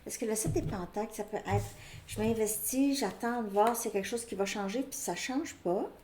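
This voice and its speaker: A woman with a Québécois French accent gives a casual, rambling tarot reading, thinking out loud and using lots of fillers. Her mid-range voice is fairly quick and somewhat dark in tone. The recording is from an echoey room with a little background noise.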